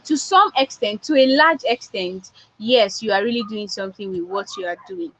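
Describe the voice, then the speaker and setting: This public speaking coach, a woman with a Nigerian accent, sounds animated and fairly bright, with medium pitch and a normal pace. Her motivational online talk circles back to points for emphasis, and the recording has a dull, lo-fi online quality.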